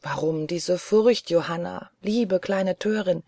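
A man's voice: high voice, slow pace, vocal fry, a little mellow, dry recording, heavily acted. A reader voicing a proud, self-assured man who teases and dismisses, in an audiobook reading. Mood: dismissive. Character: proud, mocking man, sure of himself.

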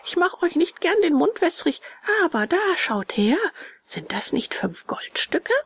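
Lady doing a little wooden puppet boy, high and eager, voice jumps all over, storybook. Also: big pitch swings, measured pace, dry recording, whispered, exaggerated voice.

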